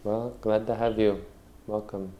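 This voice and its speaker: A man teaching meditation, answering questions in a calm, measured way, often saying "you know". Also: fairly low pitch, highs cut off. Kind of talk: answering questions in a dharma talk.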